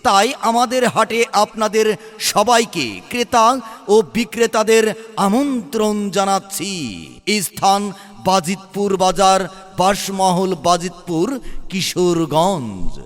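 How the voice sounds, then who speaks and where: A man making a market announcement in a drawn-out calling voice, heard as an outdoor loudspeaker. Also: sits high, in a large hall, faint music behind.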